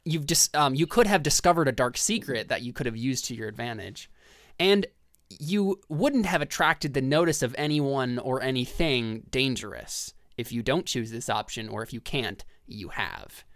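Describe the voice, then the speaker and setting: A man's voice: mid-range voice, lively intonation, normal speed, fairly bright tone, no room sound, clean studio sound. A man acts as game master for a tabletop game. He talks in a mid-range voice with very little room sound, moving between narration and conversational explanation of the rules.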